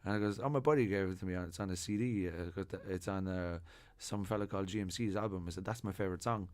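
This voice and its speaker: A man with an Irish accent, a podcast guest in casual chat, telling lively stories and quoting others with sudden bursts of energy. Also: deep voice, fast talker, smooth. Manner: animated storyteller, quotes others in lively bursts. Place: music studio.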